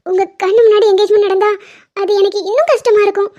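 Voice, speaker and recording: A woman's voice: very high voice, steady tone, fast talker, dark tone. A woman voicing an anxious, tearful young college woman in a cartoon drama, pleading and emotional. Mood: distressed. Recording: dull lo-fi audio.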